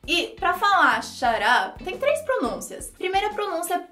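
A Brazilian-accented woman hosting a lively English lesson, drilling phrases and asking viewers to repeat after her. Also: very high-pitched, unhurried, echoey room, soft background music. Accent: Brazilian Portuguese. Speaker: English teacher and channel host. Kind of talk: YouTube language lesson.

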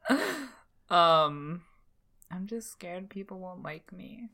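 A woman's voice: lowish voice, slow, bright, forceful tone. A woman chatting casually as a player in a dating guessing game, with a playful, giggly manner. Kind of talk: casual game chat in character.

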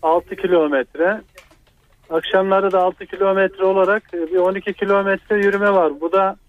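A man calling in to a radio show over a telephone line, asking his question haltingly with many pauses and fillers. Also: high-pitched, steady tone. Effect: heard over a telephone line. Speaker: radio call-in caller. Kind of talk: call-in question. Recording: tinny phone line.

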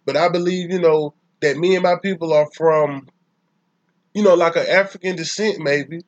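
On a lo-fi recording, a young Southern man from Atlanta, Georgia, chats casually at normal speed in a steady tone. His voice is a bit higher than the typical male range. He rambles, swears a lot and stresses his points hard.

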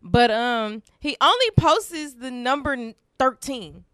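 Animated, slangy woman co-host. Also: takes it slowly, no room sound, studio quality. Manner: animated, slangy, acts out quotes with big pitch jumps. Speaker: podcast co-host. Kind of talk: casual chat.

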